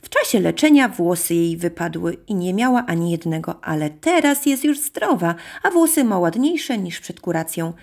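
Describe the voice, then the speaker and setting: Expressive woman reading a children's story. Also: lowish voice, moderate pace, gravelly, hardly any pauses. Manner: expressive, sing-song storytelling. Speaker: narrator.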